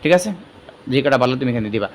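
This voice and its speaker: A man teaching an online madrasa lesson. He explains step by step, repeats key terms and often pauses on fillers. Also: mid-range voice, animated, slight background noise. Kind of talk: online exam-prep lesson.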